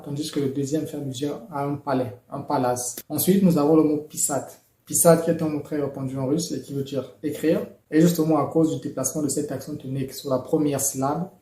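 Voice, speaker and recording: A man explaining pronunciation rules in a measured, methodical lesson, with occasional fillers. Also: on the high side, warm tone, reverberant. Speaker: language teacher.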